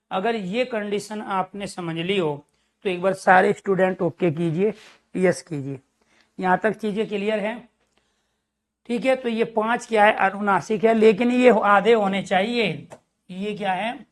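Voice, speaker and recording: A man's voice: sits high, fairly bright tone. Guy teaching hindi grammar online, keeps asking the class stuff then answering it himself. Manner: asks the class questions and answers them himself; addresses viewers as dear friends.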